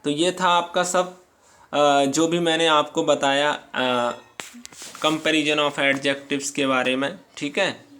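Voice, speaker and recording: A man teaching English grammar, explaining slowly and patiently, reading example sentences aloud and checking in often with his listeners. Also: a little high, steady tone, pushed and bright, a little hiss or hum. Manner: slow, patient, reads English lines aloud then explains; checks in often with "theek hai". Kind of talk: grammar lesson explained in Hindi.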